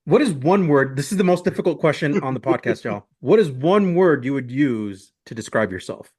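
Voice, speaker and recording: Lively high-voiced male podcast host. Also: a little fast, slightly rough. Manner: playful, laughs along with guests. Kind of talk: casual interview.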